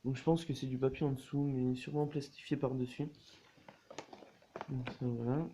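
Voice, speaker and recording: A man casually showing his collection in a vlog, halting often with fillers and restarts. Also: mid-range voice, fairly even intonation, dark tone, slight background noise. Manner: hesitant, many fillers and restarts.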